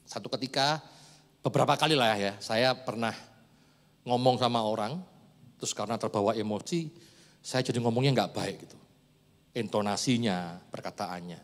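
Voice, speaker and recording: A man preaching a sermon as a pastor, swinging between loud points and hushed asides. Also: lowish voice, moderate pace, pauses often. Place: church hall. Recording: reverberant church hall with soft music.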